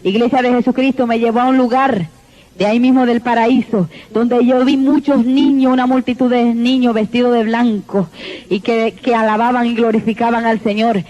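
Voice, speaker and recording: A woman's voice: a little high, fairly even intonation, moderate pace, darkish tone. A woman giving a fervent church testimony, repeatedly calling out to the congregation. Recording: dull lo-fi recording.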